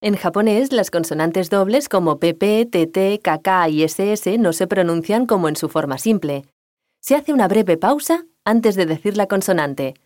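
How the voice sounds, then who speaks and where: A woman giving a scripted language lesson, explaining pronunciation clearly and calmly. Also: medium pitch, normal speed, no echo, clean studio sound. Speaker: language teacher.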